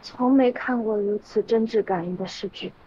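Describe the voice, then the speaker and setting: An actress playing a young shop worker in a comic drama who overacts her rapture with gushing, drawn-out delivery. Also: medium pitch, dark tone, highs cut off, a little hiss or hum, natural voice. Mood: gushing, overwrought.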